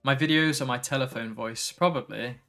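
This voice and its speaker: A man talking through a relaxed evening tech livestream, his voice slightly gravelly and worn from a long day. He wanders from topic to topic and reads out viewer messages. Faint music plays quietly underneath. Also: mid-range voice, normal speed. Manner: relaxed, tired, easily sidetracked, reads chat aloud. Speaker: tech streamer. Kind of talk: casual live stream chat.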